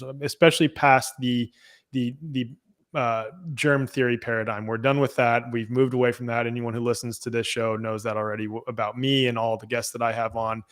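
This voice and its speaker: A man's voice: medium pitch, clean tone. A man hosting an interview podcast, sounding stuffed up, asking his questions hesitantly with fillers and repeated words. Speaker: podcast host.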